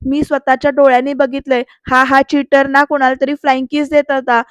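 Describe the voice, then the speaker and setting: A woman's voice: high voice, flat delivery, a little fast, no echo, close to an everyday voice. A woman voicing a spoiled, dramatic young wife who complains in a whiny way. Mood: complaining. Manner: whiny, exclaiming, English words mixed in.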